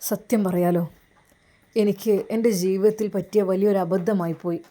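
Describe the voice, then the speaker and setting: A woman voicing a young husband who is affectionate but troubled, speaking low, soft and earnest. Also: fairly even intonation, normal speed, close to an everyday voice.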